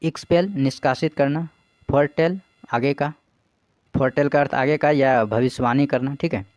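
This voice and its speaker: A man's voice: mid-range voice, moderate pace, darkish tone, no echo, dull audio. A man teaching as an exam coach, explaining English vocabulary in Hindi, asking his own questions, answering them, and spelling words out letter by letter.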